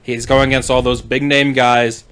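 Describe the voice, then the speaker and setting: A man's voice: medium pitch, little pitch movement, normal speed, a bit bright, smooth. A young man co-hosting a podcast in casual chat, easygoing and keeping things moving. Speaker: podcast co-host.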